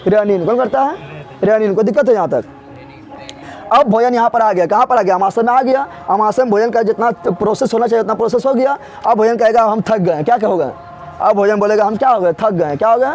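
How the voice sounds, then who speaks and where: A man's voice: high voice, a little fast, a little mellow. A man teaching a class, drilling students by asking each question and then repeating the answer several times, in plain everyday speech. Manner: colloquial, with regional Bihari turns of phrase. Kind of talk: classroom lecture with call-and-response drilling. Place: classroom with a board.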